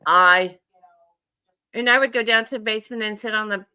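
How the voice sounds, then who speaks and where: A middle-aged woman hosting a casual group chat, telling everyday stories in an animated, frank way. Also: mid-range voice, normal speed, smooth, no room sound. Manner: chatty, animated storytelling with frank asides. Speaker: livestream host.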